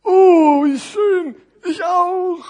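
A man's voice: very high-pitched, extremely slow, a little mellow, pitched above the performer's own voice, heavily acted. A dim, curious fat scarf gift, as a man puts it on. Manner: naive, mixes up words. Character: thick, slow-witted scarf gift, curious.

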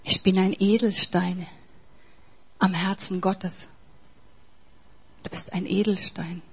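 A woman preaching a sermon in an emphatic way, swinging between soft, near-whispered passages and forceful, raised lines. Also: medium pitch, flat delivery, slow, husky.

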